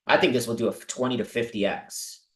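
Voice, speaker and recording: Male stream host, excitable and chatty, mid-pitched, room echo on the voice. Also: a little fast. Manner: excitable, talks to viewers directly with many asides. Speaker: crypto livestream host. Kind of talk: casual livestream talk about investing.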